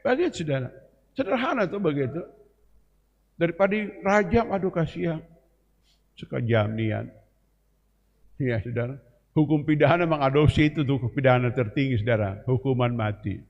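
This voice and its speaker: A man's voice: medium pitch, normal speed, pauses often. A man preaching a sermon, prodding his congregation to answer and repeat after him. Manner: lively, calls on congregation to repeat and respond. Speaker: pastor. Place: church hall. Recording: reverberant church hall, muffled sound.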